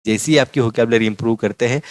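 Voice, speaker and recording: A man teaching a vocabulary lesson, patiently repeating each word slowly. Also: mid-range voice, dry recording. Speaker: language teacher.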